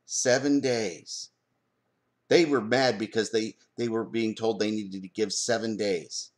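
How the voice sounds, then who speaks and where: A man's voice: lowish voice, fairly even intonation, normal speed. Emphatic man ranting with rhetorical questions. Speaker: parent commenting on school board policy. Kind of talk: opinion vlog rant.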